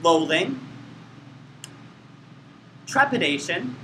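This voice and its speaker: A man performing a comedy skit, giving deadpan mock-instructional narration. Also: sits high, very slow. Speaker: student performer. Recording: roomy, noisy room.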